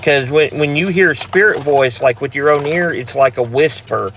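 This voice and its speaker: A man's voice: on the high side, moderate pace, fairly bright tone, slight background noise. Rambling, blunt man hosting a live Q&A. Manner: rambling, blunt, swears, frequent restarts. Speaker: host of a paranormal channel. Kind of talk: casual live Q&A chat.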